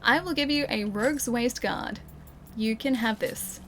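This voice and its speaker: This young streamer has a voice on the high side and speaks in an unhurried way, with a little hiss or hum in the audio. Playing a video game, she gives casual commentary and talks with her viewers in chat, frequently laughing and starting sentences over.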